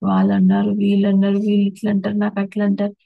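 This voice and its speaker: A woman's voice: mid-range voice, completely flat delivery, racing, gravelly, dry recording, narrow, tinny audio. A woman giving a patient spiritual talk on emotions and meditation, listing terms one by one and restarting her words. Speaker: meditation teacher.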